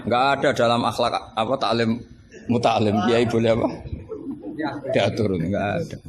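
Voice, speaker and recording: A man with a Javanese accent teaching Islamic law to students in a relaxed religious lecture, telling jokes and stories in an animated way. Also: lowish voice. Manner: joking, animated storytelling with laughter. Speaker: Islamic scholar teaching fiqh. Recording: noisy live recording with ambience.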